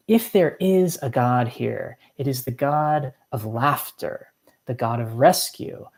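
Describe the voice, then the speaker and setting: A mid-pitched voice of a literature teacher delivering an informal lecture. The speaker rambles in a reflective, professorial way, thinking through each point aloud. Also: a little mellow.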